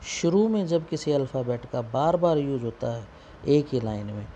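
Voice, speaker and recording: A man's voice: mid-range voice, lively intonation, normal speed, dark tone, muffled recording, a little hiss or hum. A male teacher explaining a poem line by line, reading the English and then quizzing his students in Hindi.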